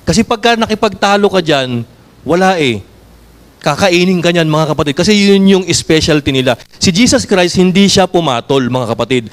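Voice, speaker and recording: Lively Filipino pastor preaching. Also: male voice, sits high. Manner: switches between Tagalog and English, reads verses slowly; animated, asks the congregation questions. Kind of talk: sermon.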